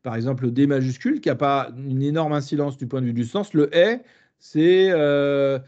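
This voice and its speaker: A man's voice: mid-range voice, moderate pace, darkish tone, dull audio. Southern French man, hesitant webinar trainer. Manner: hesitant, many fillers and restarts. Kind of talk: live webinar demonstration.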